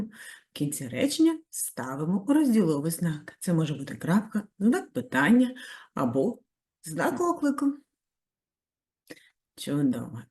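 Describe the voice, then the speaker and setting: A female primary school teacher leads a video lesson for children, handing out step-by-step tasks and warm praise. Her pitch is very lively and climbs high whenever she praises.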